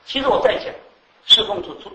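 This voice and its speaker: A man preaching to a class, animated, repeating words and quizzing the audience. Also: high voice, a little fast, very noisy. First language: Chinese. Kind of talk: sermon to a class. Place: teaching room with live audience. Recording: echoey room, mic at a distance.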